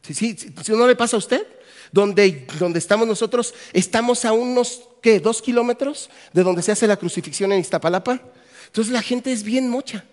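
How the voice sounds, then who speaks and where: A long hall reverb carries this conference sermon by a Mexican pastor with a Mexican Spanish accent. His voice sits high with a darkish tone at normal speed. He keeps it jokey and often addresses questions to the listeners.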